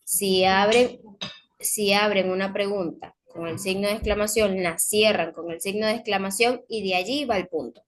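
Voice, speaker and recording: A woman's voice: medium pitch, steady tone, normal speed, poor audio. A woman teacher going through test questions one by one, explaining each answer with frequent fillers and self-corrections. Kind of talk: recorded class explanation.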